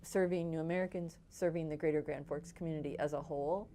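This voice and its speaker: A woman's voice: low voice, steady tone, fast talker, dark tone. A woman from Wisconsin who runs a nonprofit, explaining things steadily in a documentary interview. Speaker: nonprofit executive director.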